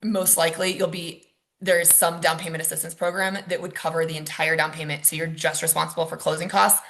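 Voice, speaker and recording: A woman's voice: low-pitched, level tone, fairly quick, creaky, a bit bright. A woman, a mortgage lender, presenting a webinar over slides in a casual, chatty way with frequent ums and likes.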